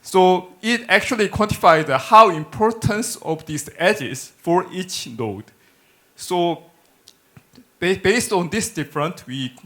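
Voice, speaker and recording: Man, Korean accent, fairly high voice, technical conference lecture, halting delivery, repeated words. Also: a bit bright. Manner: halting, repeats words while searching for phrasing. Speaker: academic researcher presenting a lecture. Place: indoor lecture hall, speaking at a podium.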